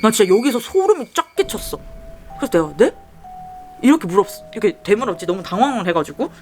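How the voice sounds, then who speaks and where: Over soft background music, a young woman with a medium-pitched voice talks quickly while doing her makeup, casually sharing creepy personal stories. She's lively and mimics the people in them.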